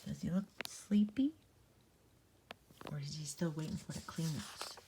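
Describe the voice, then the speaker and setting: A grandmother with a low-pitched voice reads unhurriedly from a picture book for young children, and the recording is very noisy. Her delivery is playful and sing-song, with dramatic emphasis on lists and chatty asides to the kids.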